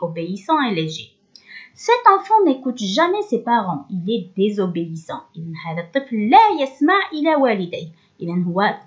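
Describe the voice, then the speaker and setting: A woman teacher, working through a workbook lesson and slowly stressing the words she explains. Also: on the high side, dull audio. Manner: switches between French and Arabic, stresses words slowly.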